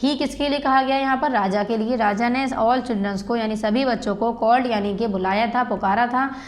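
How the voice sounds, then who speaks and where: Woman, teacher, Indian English accent, slightly high voice, patient step-by-step explaining, spells out words. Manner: slow dictation, spelling words letter by letter. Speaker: school teacher. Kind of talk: classroom lesson in Hindi and English.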